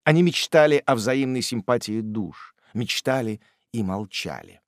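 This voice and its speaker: A man narrating a classic novel as an audiobook reader, in an expressive, measured storytelling manner. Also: mid-range voice, no echo, clean studio sound.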